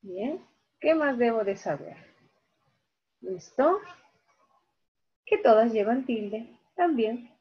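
A woman teacher giving an online lesson, talking slowly and repeating key words syllable by syllable. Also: fairly high pitch, animated, breathy edge. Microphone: video call. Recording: dull video-call audio.

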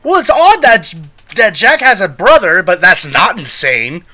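A male streamer giving excitable let's play commentary with loud reactions and swearing. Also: high-pitched, measured pace, soft background music. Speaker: gaming streamer.

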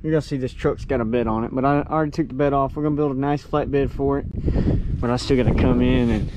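Young male farm vlogger, relaxed and rambling, action-cam sound with noisy shop and engine behind. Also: mid-range voice, fast talker. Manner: relaxed, rambling, talks while working. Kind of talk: casual first-person workshop vlog. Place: outdoors on a farm and in a workshop.

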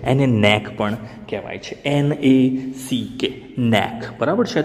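A man teaches a language lesson at an unhurried pace, reading out the spelling of each word one letter at a time. He keeps checking in with his learners by asking how a word is pronounced. His mid-range voice carries a long reverb from the room. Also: medium pitch, a little mellow. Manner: spells words out slowly letter by letter, asks learners questions. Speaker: English teacher.

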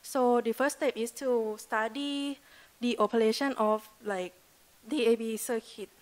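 A woman's voice: a little high, fairly even intonation, measured pace. Thai-accented young woman presenting at a podium. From Thailand. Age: 20s. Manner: earnest, loose grammar, frequent "like" fillers. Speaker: exchange student presenter. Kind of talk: prepared presentation speech. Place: lecture hall at a podium. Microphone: podium microphone.

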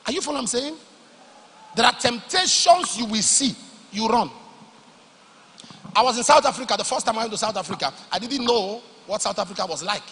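A man preaching a sermon, moving between loud emphatic declarations and low, confiding storytelling. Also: lively intonation, fairly quick, long pauses, a little hiss or hum. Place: large church hall. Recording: long hall reverb.

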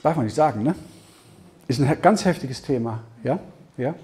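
A man giving a conversational Bible seminar talk, often checking in with the audience with a quick "ja?". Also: medium pitch, animated, dark tone. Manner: conversational, keeps asking "ja?". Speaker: Bible teacher. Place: seminar hall with audience questions.

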